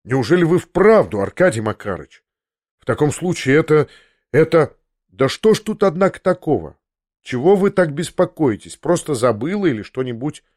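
A man's voice: a little high, very animated, a little mellow, no room sound, studio quality, pitched above the performer's own voice. A man reading aloud and voicing a feverish, agitated aristocrat who talks in a rush and keeps repeating himself. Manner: rushed, flustered, repeats himself.

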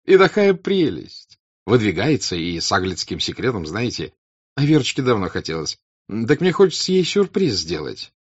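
A man's voice: fairly low pitch, wildly swooping pitch, normal speed, husky, no room sound, muffled recording, voice pushed up, full character voice. A man voicing an ingratiating young officer who asks favours in a sugary, polite tone. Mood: fawning.

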